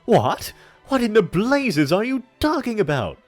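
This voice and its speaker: For a comic dramatic reading, a man plays a pompous, menacing older gentleman in hammy stage-actor style, pitching his voice above his natural one to a fairly high register. He sounds indignant and haughty, very animated with grandiose emphasis, at a moderate pace over soft background music.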